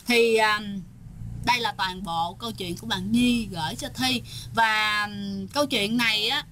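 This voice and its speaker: A woman's voice: a little high, fairly bright tone. A woman telling a ghost story in a casual, chatty way, often turning to speak straight to her listeners.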